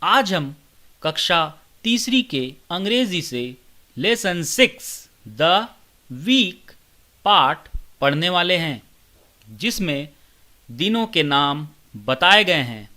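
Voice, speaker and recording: A man's voice: high-pitched, very animated. A man teaching young children, reading a short English poem word by word and explaining it simply. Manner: reads each English word slowly and deliberately; addresses children warmly and simply.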